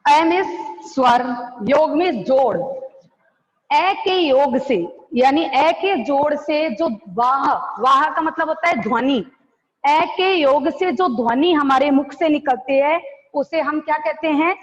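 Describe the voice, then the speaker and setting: Female teacher, slow and deliberate, quizzing the class and answering herself. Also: sits high. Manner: slow, question-and-answer teaching, answering her own questions. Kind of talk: online class lecture. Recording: dull lo-fi sound with long reverb.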